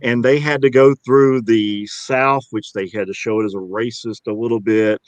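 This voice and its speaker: A man's voice: medium pitch, steady tone, normal speed, dry recording, highs cut off. A middle-aged man, an actor, talking in an interview in a rambling, upbeat way with many restarts. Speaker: actor and guest. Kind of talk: interview conversation.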